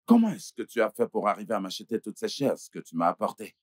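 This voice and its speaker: A doubting, amused father in a dubbed film. His pitch swings widely and he questions his son, in a dry, close recording. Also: fast talker, no echo. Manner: animated, questioning.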